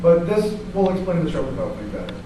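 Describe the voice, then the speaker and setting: A man's voice: on the high side, sing-song, quick pace. A man co-hosting a casual, opinionated video game retrospective. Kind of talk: casual chat commentary. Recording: very echoey room, distant mic, noisy.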